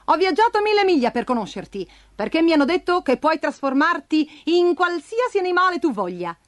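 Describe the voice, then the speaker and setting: A woman voicing a sly, scheming male cat in boots in a storybook reading, with a high, hissing, wheedling delivery. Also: very animated, fairly quick, no echo. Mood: coaxing.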